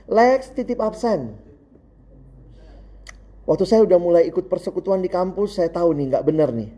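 A man's voice: high voice, fast. A young adult man preaching a sermon, telling stories with energy and acting out his friends' lines. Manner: lively storytelling, acts out quoted friends, laughs along.

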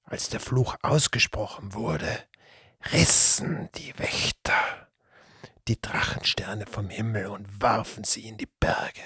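A man voicing a sly male Tatzelwurm, a cat-headed serpent creature in a told fairy tale, speaking in a slow hissing whisper. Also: fairly low pitch, steady tone, sharp tone, slightly rough, no room sound, clean studio sound, full character voice.

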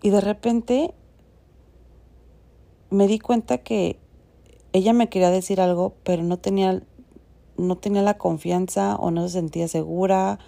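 Woman in her thirties, Mexican accent, dark mellow tone, casual frank storytelling with swearing. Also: on the low side, vocal fry. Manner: frank, chatty, sprinkled with swearing. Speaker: podcast host.

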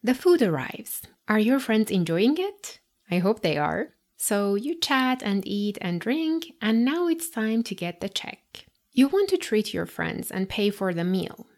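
A woman who is an English teacher and podcast host presents a scripted podcast lesson in a medium-pitched voice with big pitch swings. She addresses the listener directly, guiding them with questions and pauses.

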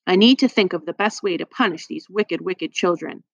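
A woman's voice: on the low side, moderate pace, gravelly, no echo. A woman voicing a cruel, spiteful hospital matron with a cold, scornful manner. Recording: dry, slightly muffled.

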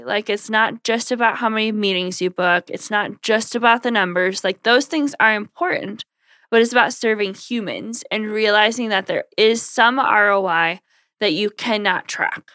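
Bright-voiced woman podcasting casually. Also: mid-range voice, no room sound, studio quality. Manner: conversational, voices imagined quotes. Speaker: podcast host. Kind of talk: casual solo podcast talk.

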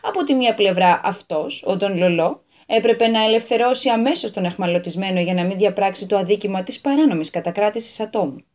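Lively woman reading a children's tale. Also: mid-range voice. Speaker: storyteller. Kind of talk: children's story reading on radio.

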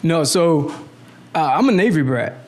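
Unhurried, with lively intonation and a slightly high voice, a thirty-something man talks as a guest in casual conversation. He's slangy and rambling, restarting sentences frequently and peppering in "you know what I'm saying."

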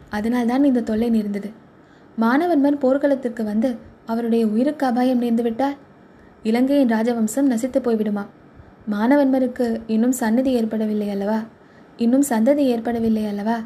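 A woman reading the part of a proud, short-tempered male royal charioteer in a storybook, with a gruff, scolding manner. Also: on the high side, dark tone.

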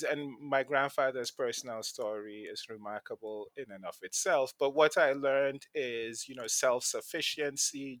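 A man from Ghana, middle-aged, shares his story as an interview guest. His voice is bright and forceful, recorded close and dry. He often restarts a sentence by repeating its first word. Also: mid-range voice, no echo. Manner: thoughtful, repeats words when starting sentences. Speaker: podcast guest, venture investor.

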